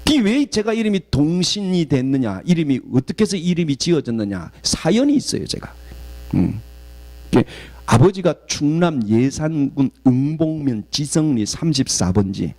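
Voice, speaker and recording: Lively high-pitched Korean preacher. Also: male voice, normal speed. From southeastern Korea. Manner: animated storytelling, acts out quoted voices. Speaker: guest pastor. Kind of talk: sermon.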